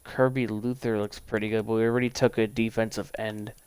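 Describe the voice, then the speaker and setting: Young male livestreamer, offhand thinking-aloud chatter, crisp clean voice in a dead-dry room. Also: fairly low pitch, little pitch movement, darkish tone, no room sound. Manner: rambling, thinks aloud, quick bursts. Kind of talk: casual gaming commentary.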